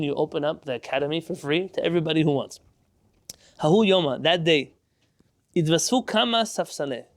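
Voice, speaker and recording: A man teaching a Talmud class, explaining step by step and asking and answering his own questions. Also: a little high.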